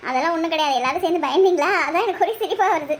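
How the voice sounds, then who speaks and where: A woman's voice: very high-pitched, racing, a little hiss or hum. A woman voicing chatty, bickering young college girls in a Tamil cartoon.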